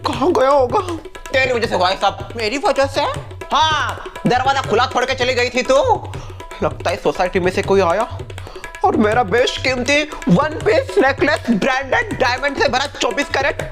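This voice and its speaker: A man playing a whole household of women and neighbours in a comedy skit, jumping between squeaky and low put-on voices, with music behind him. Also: animated, normal speed, a bit bright. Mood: frantic scolding. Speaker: sketch comedian playing all characters. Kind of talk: comedy skit with one performer in every role.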